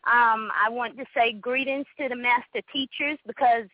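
A woman's voice: a little high, steady tone, moderate pace, no room sound. A woman from North Carolina calling in to a radio show over a phone line, effusive and full of praise. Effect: heard over a phone line. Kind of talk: call-in chat. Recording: tinny dry phone line.

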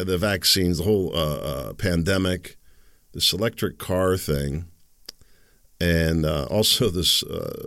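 A man in his fifties hosts a casual solo podcast, rambling along with sarcastic, self-deprecating asides. His voice sits low and gravelly yet fairly bright, captured in a dry, clean studio recording.

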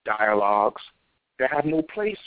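A thin, phone-like recording of an American man on an impassioned soapbox rant. His pitch swings widely as he preaches and exhorts, hammering phrases again and again in loose street vernacular. The sound is dry, with little room around it. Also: big pitch swings, measured pace, no room sound. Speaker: self-styled spiritual teacher.

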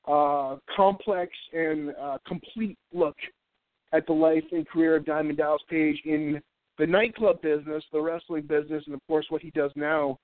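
A man's voice: a little high, steady tone, normal speed, dry recording. Stuffy-nosed American man on phone-like radio. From New Hampshire, United States. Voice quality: congested, stuffy nose. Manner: rambling, stammering, jokey. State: congested, breathing through mouth. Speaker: radio show host. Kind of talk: casual radio show chat. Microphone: thin mic curled close to face. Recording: thin phone-like line.

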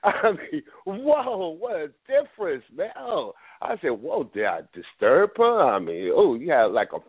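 A man hosts a call-in radio show over a tinny, dry phone line, rambling casually and thinking aloud with lots of fillers while fighting a cold. His voice sits fairly high with big pitch swings, and he speaks unhurriedly with a slightly rough, dry sound.

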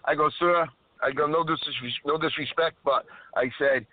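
A man's voice: a little high, steady tone, moderate pace, no room sound. A man telling stories as a caller on a live show, calling in over his car speakerphone while he drives, often stopping to correct himself mid-sentence. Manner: rambling storyteller who keeps interrupting himself. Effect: car speakerphone call while driving. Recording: tinny dry phone line.

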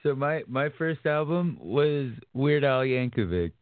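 A man's voice: mid-range voice, animated, measured pace, dry recording. A man interviewing in a laid-back, informal, chatty way. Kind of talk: casual interview chat. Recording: tinny phone-line sound.

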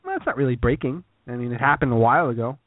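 A man's voice: medium pitch, racing, no echo. A man co-hosting a podcast, asking playful, mock-earnest questions. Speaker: podcast co-host. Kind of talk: casual comedic chat. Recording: dry, phone-like lo-fi.

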